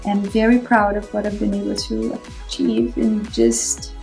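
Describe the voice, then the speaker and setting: Woman, from Brazil, testimonial, flat, gravelly, mellow, music. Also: mid-range voice, unhurried. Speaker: customer testimonial.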